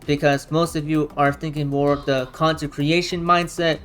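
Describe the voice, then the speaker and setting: Male reaction commentator: fairly high pitch, argumentative, rambling delivery, light music underneath. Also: little pitch movement, normal speed, a bit bright. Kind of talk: unscripted opinion commentary.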